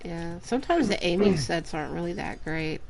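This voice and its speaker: A woman's voice: lowish voice, lively intonation, gravelly. A woman game streamer chatting casually and gossiping while she plays. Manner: chatty, gossipy, slow-spoken. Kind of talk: casual chat while playing. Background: faint game music.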